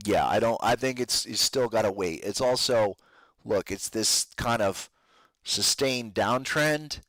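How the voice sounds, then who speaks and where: A trading podcast host talks through the stock market live in casual trader slang, calling his listeners "guys," and his strained voice keeps giving out. He speaks unhurriedly in a lowish, fairly bright voice. The recording is low quality but has no echo.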